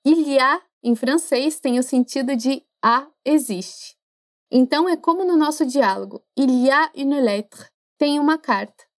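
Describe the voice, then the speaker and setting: A woman, teaching French in a podcast lesson, chatty and encouraging, slowing down to model pronunciation. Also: sits high.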